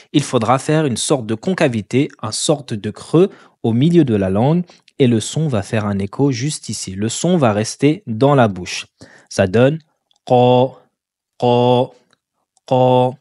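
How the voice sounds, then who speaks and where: A man teaching Quran pronunciation step by step, patiently repeating syllables slowly and deliberately. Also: mid-range voice, a little mellow, dry recording, studio quality.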